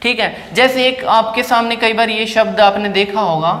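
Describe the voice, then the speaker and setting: A man's voice: high voice, normal speed, fairly bright tone. A male teacher explaining an English lesson in a classroom, talking step by step and asking the class rhetorical questions. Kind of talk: classroom lecture. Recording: echoey room with long reverb.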